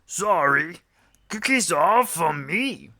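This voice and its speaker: A woman voicing a greedy, excitable male monster with a gravelly voice and broken grammar. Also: fairly low pitch, slow pace, pitched above the performer's own voice, heavily acted. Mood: gruff.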